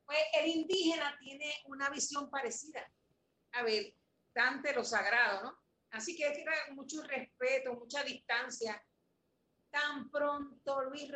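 A woman in her forties, a guest telling a story with feeling, animated and repeating words for emphasis. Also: high-pitched. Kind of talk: emotional storytelling in an interview. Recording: echoey room, mic at a distance, faint background noise.

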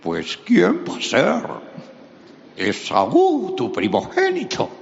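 A man's voice: high-pitched, huge pitch swings, slow pace, gravelly, lo-fi sound, pitched above the performer's own voice, heavily acted. A man voicing a timid young man who protests nervously in a raised voice. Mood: feigning. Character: timid young man, anxious smooth-skinned younger twin.

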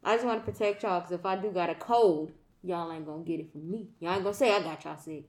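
A woman's voice: fairly low pitch, quick pace. Muffled, sniffly woman podcast host in echoey room. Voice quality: muffled by a face mask. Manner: playful, slangy. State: runny nose, sniffles. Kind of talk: casual group banter. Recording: roomy, echoing room sound.

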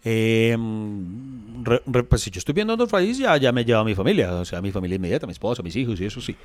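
A man's voice: on the low side, sing-song, fast. A man with a Colombian accent co-hosting a podcast in casual banter. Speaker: podcast co-host. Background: faint music.

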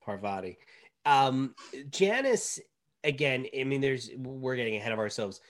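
A woman's voice: rumbling low, animated, unhurried. Sneezy woman teasing her sister. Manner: teasing, talks through a stuffy sneezy nose. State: sneezy from a cold. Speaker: podcast co-host. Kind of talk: casual chat.

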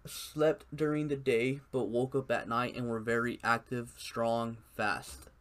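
A man's voice: medium pitch, steady tone, a little slow. A man rambling in casual chat, full of filler words and swearing.

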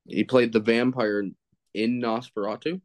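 A film critic guesting on a podcast chats casually, fumbling and self-deprecating as he searches aloud for answers and swears at himself whenever he blanks. His voice is mid-range with a level tone at a moderate pace, and the recording is dry.

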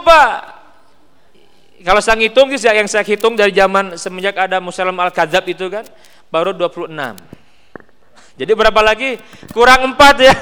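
Man, West Javanese accent, animated preacher, high bright voice, clear tone, long hall reverb. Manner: animated, teasing, asks the crowd questions. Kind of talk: lively sermon with jokes. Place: mosque hall.

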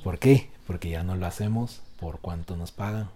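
A man preaching a sermon, asking the congregation questions and swinging between loud and soft. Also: low-pitched, normal speed. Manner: call-and-response with congregation.

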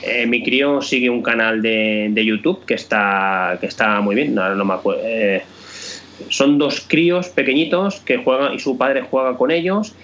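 A man in a casual tech chat, talking haltingly and repeating his words as he restarts. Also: mid-range voice, a bit bright, muffled recording, slight background noise.

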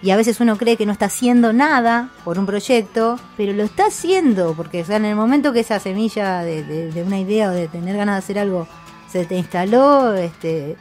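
A woman musician with a Rioplatense accent speaks in an interview, her voice sitting at a middling pitch. She thinks aloud and often restarts her sentences. Soft music plays faintly beneath her. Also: animated. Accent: Rioplatense Spanish. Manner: thoughtful, halting, with many restarts. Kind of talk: reflective interview talk.

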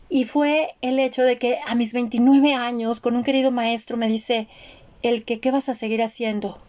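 A woman in her forties with a fairly high voice, speaking in an earnest, motivational way and turning to her listeners often. The recording is dull and lo-fi. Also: darkish tone. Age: 40s. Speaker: co-host. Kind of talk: reflective conversational talk. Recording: dull lo-fi sound.

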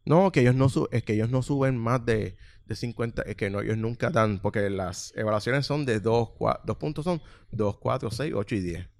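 A man in his thirties with a Puerto Rican accent, telling a workplace story in casual chat and acting out the voices loudly. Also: mid-range voice, moderate pace, vocal fry, no room sound. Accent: Puerto Rican Spanish. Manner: animated storyteller, acts out quotes loudly, swears freely.

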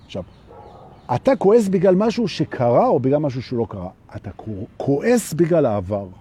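A man leads a live-streamed spiritual lesson with a somewhat high, husky voice that swings widely in pitch. He keeps repeating phrases for emphasis and checks in with his listeners again and again. Now and then he acts out small everyday scenes. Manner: animated, repeats phrases for emphasis and asks the audience "right?". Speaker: spiritual teacher. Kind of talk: live-streamed talk on anger and the ego.

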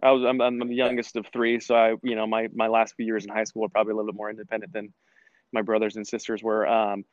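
Rambling man, low and dull-sounding. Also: monotone, quick pace, no room sound. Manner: rambling, many restarts and filler words. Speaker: former college soccer player, guest. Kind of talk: casual interview conversation.

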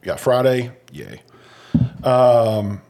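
A man's voice: medium pitch, big pitch swings, slow pace, darkish tone. A man co-hosting a podcast who tells long rambling stories in casual chat and acts out what people and dogs said. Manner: rambling storyteller, acts out quotes. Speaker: podcast co-host.

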